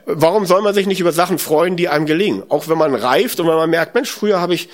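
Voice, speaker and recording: This is a man preaching a sermon casually, as if thinking out loud, with a voice on the high side. He keeps asking rhetorical questions and often ends lines with "ne?".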